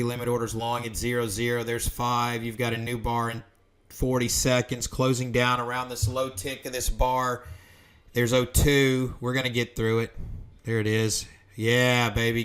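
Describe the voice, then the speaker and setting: Man flatly calling price ticks live. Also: mid-range voice. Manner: talks to himself over the ticks, calling prices in short bursts. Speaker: trader and trading educator. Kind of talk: live trading commentary on screen.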